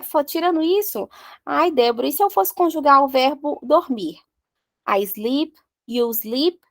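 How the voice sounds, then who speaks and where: A woman with a high voice and a Brazilian Portuguese accent teaches an English grammar lesson in a dry recording. She is playful and jokey, slowly drilling verb conjugations one at a time.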